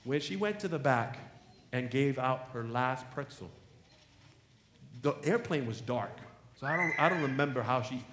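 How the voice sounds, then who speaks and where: A male pastor preaching a sermon in animated storytelling style, laughing and acting out the voices of people in his stories. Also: mid-range voice, moderate pace, a little hiss or hum. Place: large church sanctuary. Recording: echoey church sanctuary.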